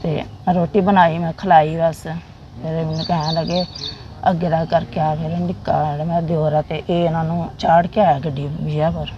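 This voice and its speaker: Her voice deep and her delivery flat, this middle-aged widow of a soldier talks about her memories with a Jammu-region Punjabi accent, halting, plain, and given to repeated phrases. The sound is lo-fi and the background noisy.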